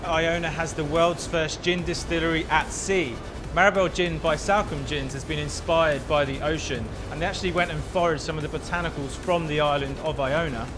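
An enthusiastic man in his forties narrates a travel vlog in a slightly high voice. Music plays loudly behind his voice-over. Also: steady tone, normal speed. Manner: upbeat, enthusiastic presenter. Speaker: travel vlogger.

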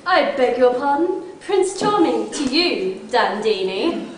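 A woman's voice: high-pitched, big pitch swings, slow pace, full character voice. A woman playing a cheeky, scheming young male valet in a stage pantomime. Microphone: far camera. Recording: echoey, noisy hall.

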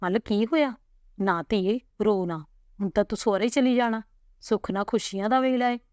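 A gentle middle-aged mother soothing her daughter, her voice lifting a little higher than the narration, as a woman storyteller plays her. It stays soft and motherly, recorded close and dry. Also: normal speed, no room sound, natural voice.

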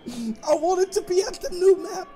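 Excitable, giggly man doing game commentary. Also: extremely high pitch, a little slow. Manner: excitable, giggly, playful trash talk at other players. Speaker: gaming YouTuber. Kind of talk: let's-play game commentary. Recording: game music playing behind the voice.

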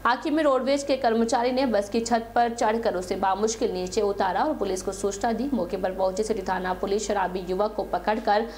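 News anchor: young adult woman, mid-pitched, scripted bulletin read, slight background hum. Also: fairly even intonation, normal speed, hardly any pauses, a little mellow.

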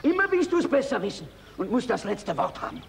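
A man's voice: very high voice, very animated, brisk, vocal fry, full character voice. An actor playing a poor, simple, fearful old peasant father who whines and pleads. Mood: grumpy. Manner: whiny, pleading, wailing. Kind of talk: 1970s film acting. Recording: echoey old film soundtrack, noisy.

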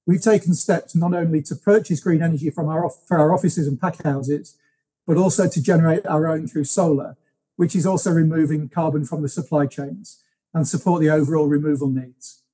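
Measured businesslike man, husky tone. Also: a little high, steady tone, dark tone. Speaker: guest from a fruit company. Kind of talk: podcast interview answers.

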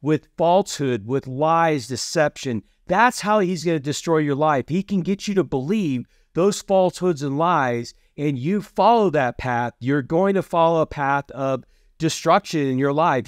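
A man's voice: a little high, expressive, moderate pace, no echo, studio quality. A man hosting a casual teaching sermon who keeps asking "Amen?" and starts his points with "so see". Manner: repeats "Amen?" and "So see" often. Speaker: preacher hosting a teaching series.

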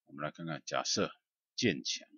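Very deep husky man. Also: expressive, moderate pace, fairly bright tone, no echo, dull audio. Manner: loose, chatty, many "ah" and "hao" fillers. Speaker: music software instructor. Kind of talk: screen-recorded software tutorial.

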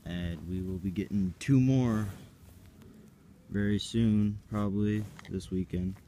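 Filming with a handheld phone, a young man wanders his farm yard and woods outdoors, giving a tour that rambles and hesitates, clearly unsure of what he plans to do. He speaks slowly in a fairly low, mellow voice with fairly even intonation, and slight background noise is audible.

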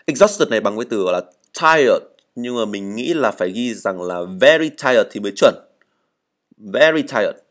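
A man teaching an English speaking lesson, explaining in Vietnamese, reading model answers and having students repeat words after him. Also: on the low side. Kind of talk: spoken language lesson.

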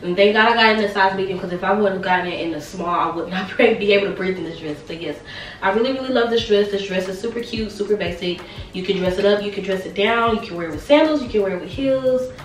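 Her voice medium-pitched and fast, a twenty-something fashion vlogger runs through a casual try-on haul, slightly raspy from a sore throat and doubling up words for emphasis. A camera mic a few steps away in a small, bright bedroom gives roomy, distant audio with a little hiss or hum.

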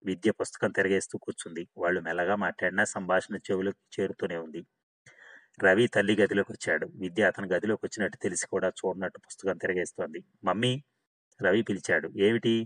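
Low-voiced man narrating a novel. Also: fairly even intonation, quick pace, a bit bright. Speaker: audiobook narrator.

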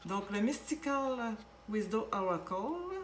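A woman with a Québécois accent giving a casual tarot reading, gentle and reassuring, with many fillers and restarts. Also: fairly high pitch, animated, slow. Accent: Québécois French. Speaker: tarot reader. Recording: echoey room with faint background noise.

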